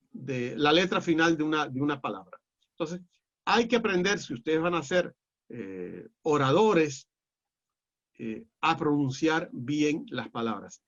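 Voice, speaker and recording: A middle-aged man with a Peruvian accent lecturing a class in a measured, explanatory way, often pausing on "eh". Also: a little high, fairly bright tone. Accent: Peruvian Spanish. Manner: measured and explanatory, with frequent "eh" fillers and restarts. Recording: dull lo-fi audio.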